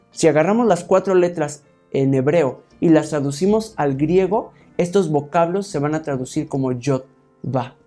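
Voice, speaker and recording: A man preaches a Bible teaching sermon in a slightly high voice with a dark tone. He goes point by point, checks with his listeners by asking "¿sí?", and addresses them as "hermanos."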